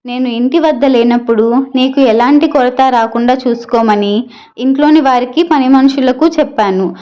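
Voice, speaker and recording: A woman's voice: high voice, moderate pace, dark tone, lo-fi sound, close to an everyday voice. A woman voicing a wealthy male merchant who talks in a reassuring, talkative way. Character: wealthy male merchant, possessive but kindly-spoken.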